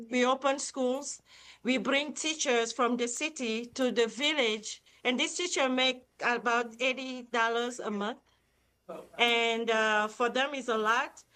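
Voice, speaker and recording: Slow-paced and steady, her voice on the high side is pushed and bright with a clean tone. She is a middle-aged Cameroonian woman, a charity founder and CEO, speaking with upbeat enthusiasm as a live interview guest.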